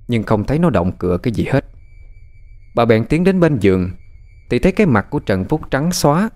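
A man narrating a scripted horror story with lively, dramatic delivery. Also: mid-range voice. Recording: faint music behind.

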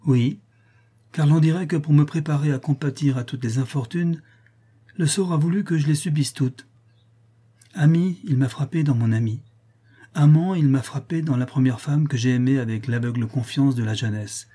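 A man's voice: a little high, moderate pace, mellow, breathy edge. A man voicing a grieving, melancholy prince in an audiobook reading, speaking solemnly and sorrowfully. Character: grieving middle-aged prince, noble and melancholy.

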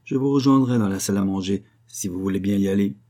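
A man's voice: fairly low pitch, fast, mellow, close to an everyday voice. A man reading the part of a hostile, imperious baronet, cold and cutting in his questions. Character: haughty, hostile baronet, middle-aged man.

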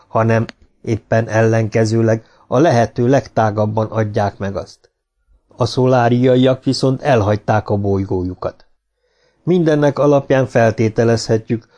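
A man reading an audiobook who voices a calm, humanlike male robot explaining things politely and logically. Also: on the low side, close to an everyday voice.

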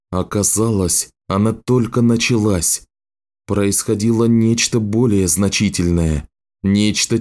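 A man reading a fantasy audiobook as narrator, in a measured, even manner. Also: lowish voice. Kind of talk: scripted narration.

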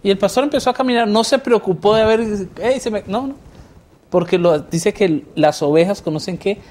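A man hosting a relaxed Bible lesson discussion, chatting and asking leading questions. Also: sits high, a little fast. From not from Mexico. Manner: conversational, asks leading questions. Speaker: host.

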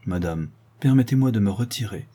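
A man's voice: fairly low pitch, animated, brisk, dark tone, slightly rough. A man voicing a stern, solemn young nobleman. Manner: cold, restrained, solemn. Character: grave, stern young nobleman, a shamed son. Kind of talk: audiobook reading.

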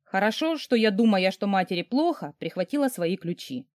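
A woman narrating a first-person audiobook in an expressive, emotional storytelling manner on a close mic. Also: medium pitch, brisk, dry recording.

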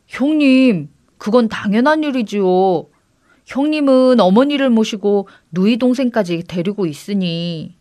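A woman's voice: on the high side, lively intonation, measured pace, mellow, dry recording, clean studio sound. A woman voicing a poor, kind young woodcutter who talks earnestly and exclaims aloud.

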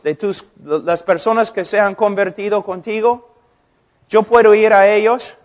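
Impassioned high-voiced middle-aged pastor. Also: male voice. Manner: impassioned, acting out dialogues in changing voices. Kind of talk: sermon.

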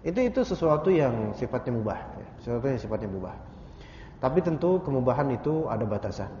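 A man teaching an Islamic study lecture, animated and joking, with frequent rhetorical asides to his listeners. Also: mid-range voice, fast. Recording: echoey hall, dull lo-fi, faint noise.

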